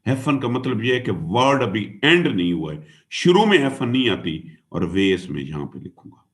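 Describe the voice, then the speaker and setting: A male teacher lecturing a class, his pitch rising and falling with animated, expressive swings. He spells words out letter by letter and keeps turning to his students with "dear student" and "son". He slips English terms in and out of his explanation. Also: normal speed. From Pakistan. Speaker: exam-prep teacher.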